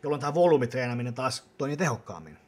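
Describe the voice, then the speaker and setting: A man's voice: mid-range voice, lively intonation. A man, chatting bluntly on a podcast, swearing often and acting out what people said. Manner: blunt, swears a lot, acts out quotes loudly. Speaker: podcast host. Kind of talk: casual podcast chat.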